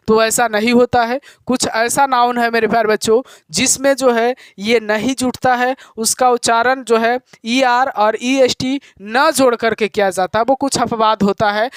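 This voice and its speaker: A male teacher giving a grammar lesson, explaining slowly and repeating key points to his students. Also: very high-pitched, fairly bright tone, clean tone, no room sound. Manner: calls students "my dear children".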